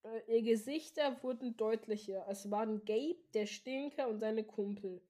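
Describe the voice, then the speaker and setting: A woman's voice: on the high side, normal speed, dark tone. A German-speaking woman reading a novel aloud casually, often stumbling and restarting words with chatty asides. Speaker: reader of a book aloud.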